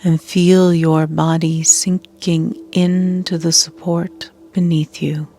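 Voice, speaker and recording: Here a female yoga nidra guide leads a meditation, hushed and soothing, breathy almost to a whisper and pausing at length. She speaks at a fairly low pitch that barely moves.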